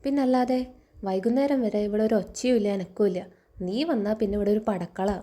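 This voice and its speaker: Blunt, chiding old grandmother over sixty read by a woman, mellow tone. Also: medium pitch, a little fast, close to an everyday voice. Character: sharp-tongued old grandmother.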